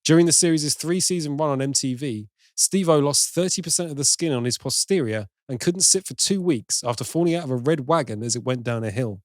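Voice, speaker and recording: A man's voice: fairly high pitch, fairly quick, few pauses, dry recording, clean studio sound. A British man co-hosting a casual film podcast, reading out trivia in long runs and laughing easily. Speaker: podcast co-host.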